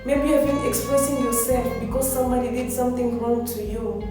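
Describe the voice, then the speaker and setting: A woman's voice: a little high, little pitch movement, fairly quick. A woman giving a motivational speech in an earnest, exhorting way, repeating phrases for emphasis. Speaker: motivational speaker. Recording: very echoey, distant mic, music behind.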